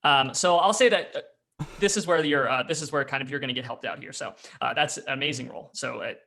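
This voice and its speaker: A man's voice: medium pitch, brisk, creaky, bright, forceful tone. A man running a tabletop game as game master, narrating with many fillers and restarts. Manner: hesitant, full of fillers, descriptive.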